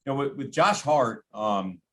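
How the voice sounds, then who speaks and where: This mid-range male voice belongs to a sports radio play-by-play announcer guesting on a podcast, giving animated basketball analysis in casual conversation. His intonation is lively and his pace measured; he's emphatic, repeats phrases for stress and voices imagined quotes. A little hiss or hum sits under the audio.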